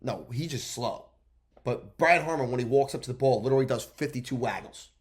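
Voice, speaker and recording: Excitable, blunt young podcast co-host. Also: male voice, medium pitch, a little fast. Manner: blunt, excitable, swears freely. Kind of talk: casual sports chat.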